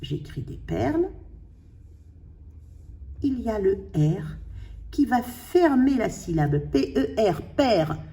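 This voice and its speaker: A woman teaching a spelling lesson, slowly sounding out syllables and letters for her pupils. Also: a little high, very animated, mellow, far from the mic. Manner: slow, carefully sounding out syllables.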